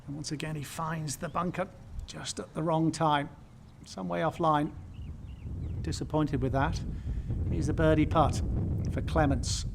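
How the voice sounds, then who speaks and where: Male golf commentator, slightly high-pitched. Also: fairly even intonation, vocal fry, slight background noise. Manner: measured, short understated phrases. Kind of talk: golf tournament television commentary.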